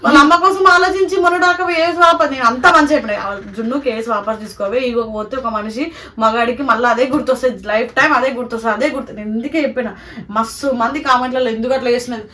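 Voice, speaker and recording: A woman's voice: on the high side, racing, bright, forceful tone, recorded from a distance, a little hiss or hum. A woman with a Telangana Telugu accent consoling a crying friend, soothing yet agitated, repeating her pleas on a home vlog.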